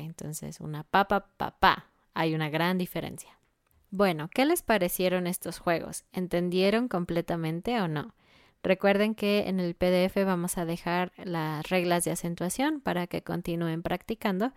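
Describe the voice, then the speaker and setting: Clear-voiced Mexican woman teaching Spanish. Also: lowish voice, darkish tone, dry recording, clean studio sound. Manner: slow emphatic reading of riddles. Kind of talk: podcast lesson with riddles.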